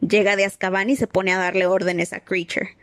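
A woman's voice: medium pitch, flat delivery, a little fast, dry recording, close to an everyday voice. A woman voicing an old male house-elf servant who mutters resentfully and talks about himself in the third person, in an audiobook reading. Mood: bitter muttering.

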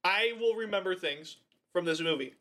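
Bright, animated swearing man. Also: high voice, moderate pace. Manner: animated, heavy swearing, laughs often. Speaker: podcast co-host. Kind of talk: casual movie review chat.

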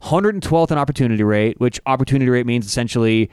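A man talks through college football betting picks in a relaxed, analytical way, piling up advanced stats. His voice is smooth and clean, recorded dry and close with no room sound. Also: medium pitch, no echo. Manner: stat-heavy, halting with restarts. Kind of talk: casual analytical sports chat.

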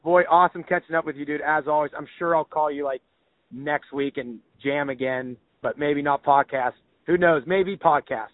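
A man's voice: a little high, moderate pace, no room sound. A man hosting a casual podcast, upbeat and slangy, full of "like" and "dude". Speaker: podcast host. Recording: tinny phone-like audio, dry.

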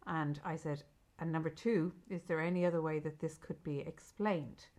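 A woman's voice: low voice, fairly even intonation, normal speed, darkish tone. A middle-aged Irish woman co-hosting a podcast with her daughter, retelling a story emphatically in casual chat and quoting what was said. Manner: emphatic, retells with quoted dialogue. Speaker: podcast co-host, mother.

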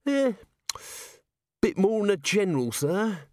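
In an audiobook, a man voices a nervous, shifty little corporal who stammers, hedges, and keeps saying "sir." He pushes his voice high above his own, exaggerated and sing-song, slow and somewhat dark in tone, recorded in a clean studio with no echo.

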